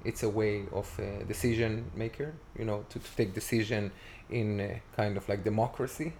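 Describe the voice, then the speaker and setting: Gravelly Israeli man, halting speech. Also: lowish voice, fairly even intonation, darkish tone, a little hiss or hum. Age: 40s. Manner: halting, searching for words with many fillers. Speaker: guest. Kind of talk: casual interview conversation.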